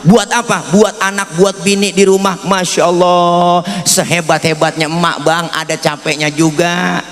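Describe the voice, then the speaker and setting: A man's voice: fairly high pitch, fairly even intonation, normal speed, fairly bright tone, soft background music. A man with a Betawi accent giving a comic sermon, joking with the congregation, asking them to agree, and slipping into sing-song chanting. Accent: Betawi Malay. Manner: jokey, often asks the crowd for agreement, lapses into sing-song chanting. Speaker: Islamic preacher. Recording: echoey hall reverb.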